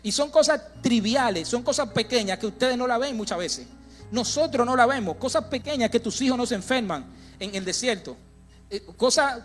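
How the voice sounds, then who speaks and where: A young man preaching a sermon, telling a personal testimony in a conversational way, with frequent restarts and direct asides to the congregation. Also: high-pitched. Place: church sanctuary.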